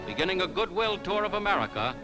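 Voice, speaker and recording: A man delivering 1940s newsreel narration in a brisk, emphatic announcer style, as on an old newsreel recording. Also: high-pitched, very animated. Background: loud music bed.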